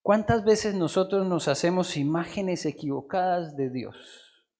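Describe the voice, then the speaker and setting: A Colombian man preaching a sermon as pastor in a church, swinging between quiet asides and loud, emphatic lines. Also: sits high, unhurried.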